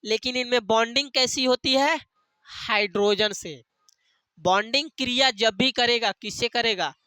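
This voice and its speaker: A man's voice: very high voice, unhurried, sharp tone, clean tone, no room sound. A male teacher giving a classroom lecture, asking questions and answering them himself, repeating key terms and using jokey memory tricks.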